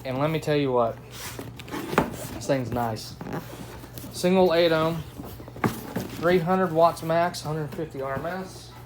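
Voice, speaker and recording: This unboxing host has a fairly high voice, takes his time, and pauses often. His casual product review is enthusiastic, folksy, and full of slang, captured on a phone's built-in microphone in a noisy camera recording.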